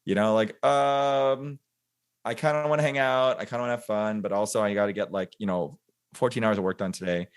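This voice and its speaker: A man in his forties, a podcast guest, talking in a relaxed, reflective way with many fillers and self-mocking laughs. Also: fairly low pitch, a little fast, clean tone. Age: 40s. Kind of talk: casual interview conversation.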